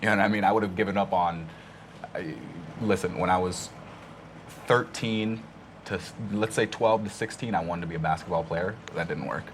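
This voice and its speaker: A man's voice: sits low, fairly even intonation, moderate pace, noisy background. A man in his twenties, a podcast guest, talking earnestly and reflectively in casual conversation. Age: 20s. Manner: earnest, reflective, storytelling with laughs.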